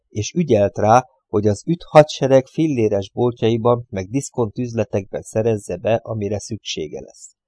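A man reading a novel aloud as an audiobook narrator, in a steady, plain way. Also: lowish voice, dry recording, clean studio sound.

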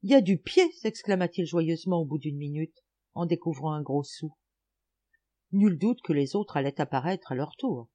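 Woman narrating a story, mellow voice. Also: low voice, moderate pace. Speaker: audiobook reader. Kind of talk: scripted literary narration.

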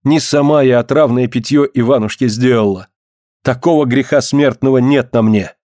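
A pleading, guilt-stricken noblewoman from old Russia, as a male reader puts her on, hushed and archaic in her speech. The voice is dark and mellow. It sounds dry and close, like a storybook reading. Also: mid-range voice, normal speed, no echo, close to an everyday voice. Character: grieving guilt-stricken old-Russian boyar's wife, middle-aged woman. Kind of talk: audiobook reading.

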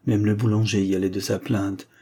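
A man reading an audiobook aloud in measured, even narration. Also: on the low side. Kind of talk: scripted narration.

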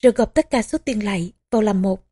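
A woman narrating a historical novel as an audiobook, in measured, even storytelling. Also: medium pitch, slightly rough. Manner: measured, even storytelling with small voicings for characters.

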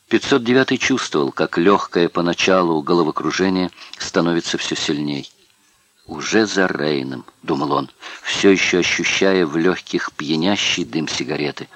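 A man reading an audiobook in measured, even storytelling. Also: low voice, no room sound. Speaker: narrator. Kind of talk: audiobook narration.

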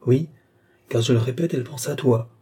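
A devoted young clairvoyant woman, read by a man softly recounts her trance visions at a slow, dreamy pace. The voice is dark and a little husky, in a storybook reading. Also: mid-range voice. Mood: dreamy entranced.

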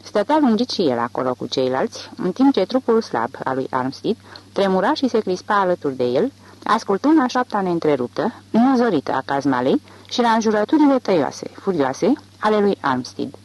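An audiobook narrator reads literary fiction in a measured, even-paced delivery. The pitch sits mid-range but swings widely from phrase to phrase, which gives the telling a lively lilt. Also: poor audio.

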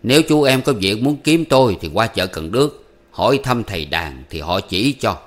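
Man voicing a gentle old traveling musician. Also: lowish voice, animated, close to an everyday voice. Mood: reassuring. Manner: gentle, reassuring, unhurried. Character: old traveling male musician, calm and kindly.

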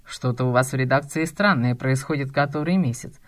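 A woman reading an audiobook, voicing a dry, teasing middle-aged male publishing boss with a lowered, drawn-out delivery. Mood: wry teasing.

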